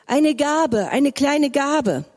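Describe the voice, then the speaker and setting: A woman's voice: high-pitched, lively intonation, extremely slow, darkish tone, long reverb tail, voice pushed up, heavily acted. A woman doing an old pleading beggar. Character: old hungry male beggar.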